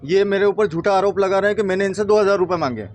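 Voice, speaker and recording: A man with a high voice speaks to reporters as an aggrieved employee. He presses his complaint insistently, repeating his points. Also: fast, darkish tone. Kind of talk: interview statement.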